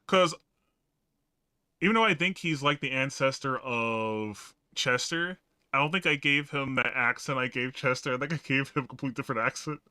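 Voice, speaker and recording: A man's voice: mid-range voice, moderate pace, pushed and bright, clean tone, no room sound, studio quality. A man streaming a video game, talking to chat in a rambling, casual way with many fillers and some swearing. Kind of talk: casual gaming stream commentary.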